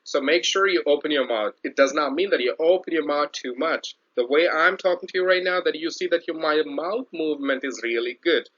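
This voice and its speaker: Bright-voiced man teaching on a lo-fi recording. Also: fairly high pitch. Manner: explains slowly with many fillers and restarts; instructive, repeats key points. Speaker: English teacher. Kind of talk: online English lesson. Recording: dull lo-fi sound.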